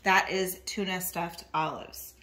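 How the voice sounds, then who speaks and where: A woman's voice: on the low side, fairly even intonation, slow pace, pushed and bright. A woman co-hosting a casual grocery haul in a home kitchen, chatty and filling in with lots of "um"s as she lists the items. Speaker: channel co-host.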